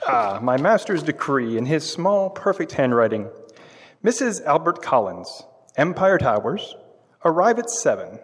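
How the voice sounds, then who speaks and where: A man playing a cocky, sarcastic detective's assistant in a live old-time radio drama, breezy and quick with a quip. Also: fairly high pitch, big pitch swings. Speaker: stage radio actor. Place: historic courthouse, live on stage. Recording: long reverb of a courthouse hall.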